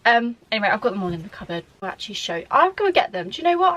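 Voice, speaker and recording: A woman's voice: mid-range voice, a bit bright, low-quality recording. A young woman chatting at home in a rambling, bubbly Q&A vlog, laughing often and a little out of breath. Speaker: vlogger. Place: at home, indoors.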